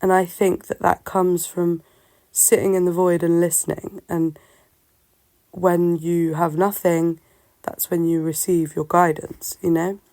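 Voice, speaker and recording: A woman speaks in a slightly low, gravelly voice that sounds sore in the throat. She muses casually and haltingly, as if thinking aloud. The sound is close and dry. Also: level tone, warm tone, no room sound. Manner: halting, musing, self-questioning. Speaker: solo host of a personal talk show. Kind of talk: casual reflective monologue.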